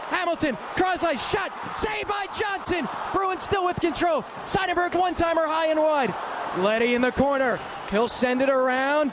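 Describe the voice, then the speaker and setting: On radio, amid the loud din of a hockey arena, a man delivers a live running account of the ice hockey action. He sounds very high-pitched, excitable and urgent, his calls clipped.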